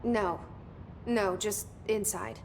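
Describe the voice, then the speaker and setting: An actress with an American accent plays a guarded young woman who is searching for something, delivering introspective monologue and dialogue in a naturalistic game-acting style. Her medium-pitched voice is a little mellow and unhurried, understated, wry, and terse, with a guarded, curious mood. There's slight background noise.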